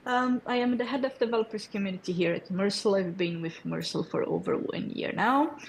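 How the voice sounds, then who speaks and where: A Brazilian woman in her thirties, a native Portuguese speaker with a Brazilian accent, presents a developer tool at a hackathon as a developer community lead, explaining it in a friendly way with fillers and check-in questions. Her medium-pitched voice is fairly quick and creaky. The poor audio carries a little hiss or hum.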